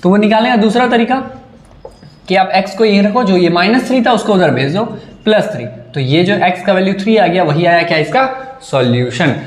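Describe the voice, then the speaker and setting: A man's voice: sits high, lively intonation, a little fast. Echoey male math teacher quizzing students. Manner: asks questions and answers them himself, repeats key points. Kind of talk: classroom-style lesson. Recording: echoey room.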